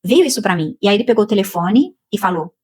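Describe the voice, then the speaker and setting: A Brazilian woman slowly and emotionally telling a personal spiritual testimony, with many repetitions. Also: medium pitch, lively intonation, darkish tone, breathy edge. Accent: Brazilian Portuguese. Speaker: spiritual channel host.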